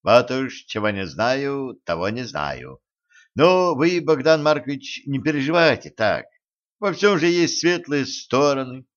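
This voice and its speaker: A man voicing a calm, tactful male doctor who speaks in a slow, measured, hesitant way, in a dull lo-fi recording. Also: medium pitch, voice pushed up.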